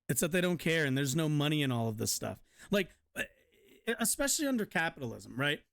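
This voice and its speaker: A man's voice: a little high, a bit bright. A man hosting a live stream, reacting to clips with blunt, mocking political commentary full of fillers and restarts.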